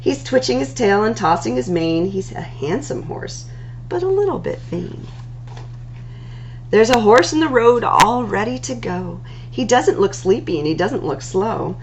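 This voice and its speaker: A library storytime host, she performs rhyming picture books with a lilting, expressive voice and long, stretched syllables. Her gravelly, creaky tone swoops across a wide pitch range, while a soft hum and slight noise sit in the recording.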